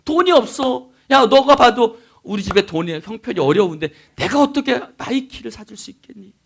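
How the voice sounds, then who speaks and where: A man's voice: very high voice, expressive, normal speed, gravelly, voice pushed up, full character voice. A man playing a tired mother who firmly refuses her child, exasperated. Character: tired mother, weary and firm.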